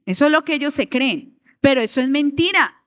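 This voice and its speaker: High-voiced woman preaching to youth. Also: expressive, brisk, fairly bright tone. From Colombia. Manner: earnest, pleading, acts out quoted voices. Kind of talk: sermon to young people.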